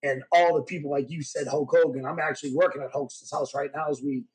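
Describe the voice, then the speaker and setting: A former pro wrestler appearing as a podcast guest tells stories in a casual interview, animatedly acting out the dialogue. He has a fairly high-pitched voice and talks fast, and the audio from the podcast studio is poor.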